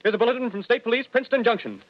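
A radio news announcer in the old newsreel manner, urgent and clipped. The voice is high and quick, formal in every phrase. It comes through a dull, dry 1930s broadcast recording. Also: male voice, no room sound. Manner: clipped formal bulletin delivery.

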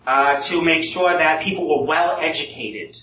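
A man's voice: a little high, moderate pace, sharp tone, pitched above the performer's own voice. A man playing a smug statist in a 1930s gangster movie accent during a live speech, heard from a distance in an echoey room. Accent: 1930s gangster movie accent put on. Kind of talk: live speech role-play. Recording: echoey room, mic at a distance, faint noise.

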